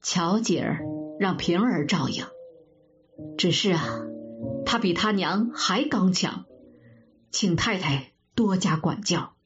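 A woman's voice: on the low side, lively intonation, takes it slowly, long pauses. A woman doing a worried young nobleman. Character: anxious young married nobleman, respectful nephew. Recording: dull audio with guitar music.

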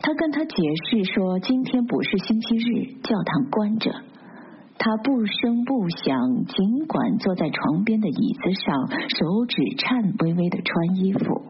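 A woman narrating a literary novel aloud in a steady, measured storytelling manner. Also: medium pitch, a little hiss or hum. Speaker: audiobook narrator. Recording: dull lo-fi recording.

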